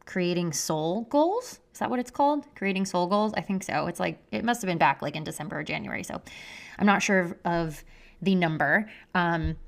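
Woman host, low and gravelly, gushy chat, muffled under a blanket at home. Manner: upbeat and gushing, with many "like" fillers. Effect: muffled, recorded under a blanket. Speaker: podcast host and health coach. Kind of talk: casual solo podcast monologue. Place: living room at home. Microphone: podcast mic under a blanket.

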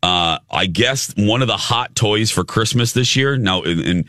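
A man with a low voice hosts a casual chat in a playful, rambling way. The sound is dry and close. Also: lively intonation, measured pace, pushed and bright, no echo. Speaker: talk show host. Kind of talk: casual banter.

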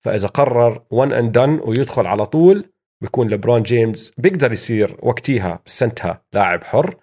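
A man's voice: medium pitch, expressive, a little fast, darkish tone. A man with a Levantine Arabic accent hosting casual sports commentary, dropping English terms into his speech. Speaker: sports show host. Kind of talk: casual basketball news commentary.

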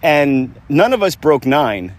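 Brash joking man with lively voice. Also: a little high, slow pace. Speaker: podcast co-host. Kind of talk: casual chat.

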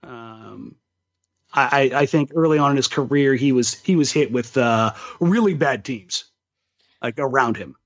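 A man with a mid-range, slightly slow voice co-hosts a sports podcast, talking casually about basketball in slangy, emphatic language. The recording is a bit dull and lo-fi.

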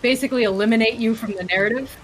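A woman narrating as game master of a tabletop game, describing scenes in a lively, vivid way. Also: a little high, racing, slight background noise, rough recording.

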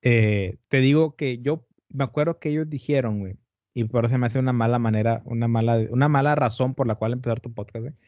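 Man, northern Mexican accent, podcast host, casual chat, rambling, slangy, mellow voice, dry sound. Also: medium pitch, quick pace, no echo, muffled recording. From Tamaulipas, northern Mexico. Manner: rambling and animated, slangy, peppers lines with "güey".

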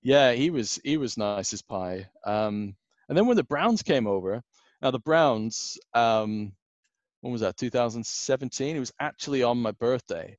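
A man's voice: mid-range voice, animated, moderate pace, no room sound, muffled recording. A man, rambling through a casual podcast anecdote with many fillers. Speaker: podcast guest.

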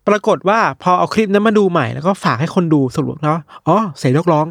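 Man, quick talker, slightly high voice, dry close sound, chatty storyteller. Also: vocal fry, no echo. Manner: animated retelling with quoted voices. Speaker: storyteller of odd news. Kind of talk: casual chat.

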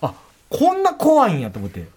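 A man with a Kansai accent, co-hosting a comedy radio talk show, telling stories in an animated, excitable way. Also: high voice, moderate pace, slightly rough. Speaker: radio co-host.

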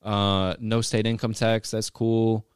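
A man's voice: on the low side, flat delivery, takes it slowly, clean tone, no echo, studio quality. A man from Texas chatting casually like a frat bro, blunt and sweary, with bro-heavy slang. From Austin, Texas. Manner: blunt, profane. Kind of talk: casual podcast-style chat.

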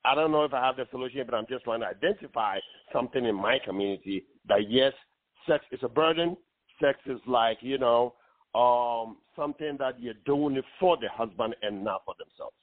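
A man in his forties from Ghana, calling in to a radio talk show, speaking earnestly with many pauses and fillers. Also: medium pitch, dry recording. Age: 40s. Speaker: caller. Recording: tinny phone line.

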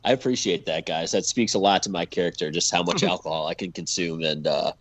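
A man's voice: sits low, a little fast. A man chatting casually as a podcast guest, with a self-deprecating manner. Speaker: podcast guest, new member. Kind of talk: casual chat. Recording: dry, slightly dull lo-fi audio.

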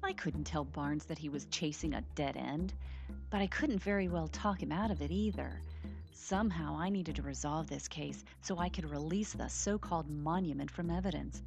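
A woman's voice: deep voice, normal speed, creaky, over music. An actress playing a level-headed woman detective who narrates her case in an audio drama.

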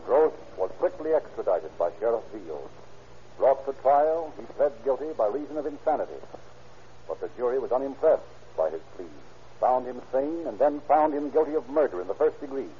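A tinny old broadcast with faint noise carries a male 1930s radio announcer. He reads in a formal, declamatory way at a medium pitch. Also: animated, normal speed. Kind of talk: 1930s radio scripted narration.

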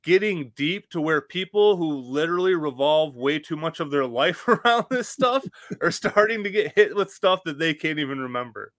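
A man's voice: a little high, animated, normal speed, hardly any pauses, fairly bright tone, no room sound. Chatty man on a dry podcast mic. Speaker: podcast co-host. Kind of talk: casual chat.

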